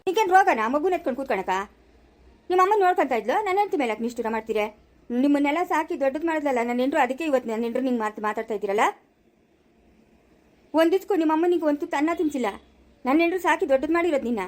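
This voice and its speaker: An angry village father shouts down his relatives in a rural Chikkaballapura accent, played by a woman. The voice sits high and the scolding comes fast. It is amateur family-drama acting. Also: expressive. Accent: rural Chikkaballapura Kannada. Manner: scolding, loud and indignant. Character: angry middle-aged village father defending his wife.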